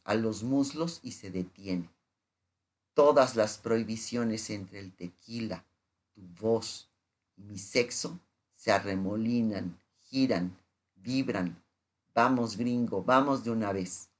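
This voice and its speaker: A man giving a measured, intimate reading of sensual literary prose. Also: mid-range voice.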